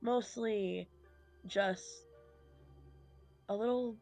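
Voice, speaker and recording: A woman's voice: medium pitch, drawn-out words, creaky, a little mellow, soft background music. A woman narrating as game master of a tabletop game, hesitant with many fillers.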